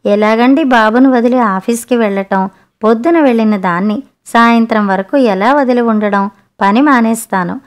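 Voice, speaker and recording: A woman's voice: a little high, moderate pace, lightly acted. A woman voicing an anxious, protective young working mother in a read-aloud story, worried and pleading.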